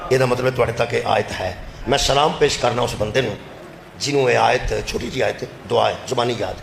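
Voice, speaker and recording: Man, Punjabi accent, preacher, gravelly voice, echoey loudspeaker sound, impassioned sermon, rhetorical questions to the crowd. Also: steady tone, a little hiss or hum. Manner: impassioned, shifting between shouting and low confiding asides. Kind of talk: majlis sermon. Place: religious gathering with loudspeaker. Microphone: loudspeaker microphone.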